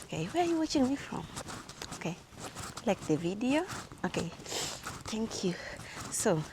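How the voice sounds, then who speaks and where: A young woman from Africa, chatting and telling stories on a casual vlog while walking outdoors, lively and quick to laugh. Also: mid-range voice, background noise. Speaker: vlogger.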